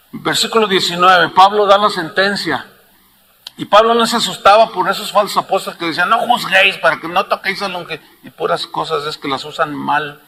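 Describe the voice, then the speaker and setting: Male pastor, high bright voice, fervent preaching, faint noise behind. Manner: impassioned, shifts from hushed to loud. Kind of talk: sermon.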